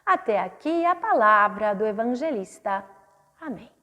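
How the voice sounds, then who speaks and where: A high-pitched woman reads scripture aloud, measured and expressive, giving each sentence its weight. A long hall reverb trails behind her voice, as in a large church. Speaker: scripture reader. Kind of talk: reading a Bible passage aloud.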